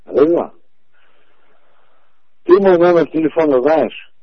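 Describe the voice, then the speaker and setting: A man in his forties arguing over the phone, calmly insistent and repeating himself to drive each point home. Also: fairly high pitch, takes it slowly, dry recording. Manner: insistent, repetitive, calmly emphatic. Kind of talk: heated phone conversation. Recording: muffled phone-call audio.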